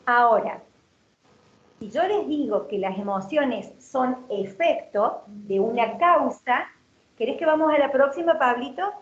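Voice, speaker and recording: A woman's voice: high-pitched, expressive, a little slow. A woman giving an educational workshop talk, explaining things and asking rhetorical questions. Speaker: workshop speaker. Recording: roomy, dull lo-fi sound.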